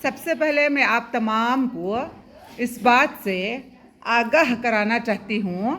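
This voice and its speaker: Bright high-voiced woman teaching a class. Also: slow. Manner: asks questions and has the class repeat terms back; mixes English terms into her speech. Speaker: schoolteacher. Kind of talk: classroom lesson to young pupils.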